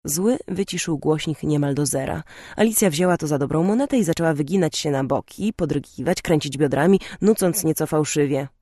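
Expressive woman reading a novel. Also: low voice, brisk, no echo, studio quality. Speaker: audiobook narrator. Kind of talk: audiobook narration.

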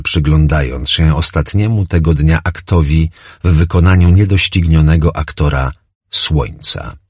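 A man narrates a novel in a measured, descriptive way. His voice is very deep and husky, and his pitch moves in a lively, varied way. The recording is dry and close. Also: no room sound. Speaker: audiobook narrator.

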